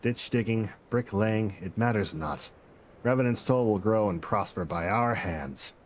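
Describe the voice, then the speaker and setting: A man's voice: fairly low pitch, a little slow, a little hiss or hum, natural voice. A man reading a solemn refugee elder's game dialogue aloud, with a slight pirate-like lilt. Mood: resolute.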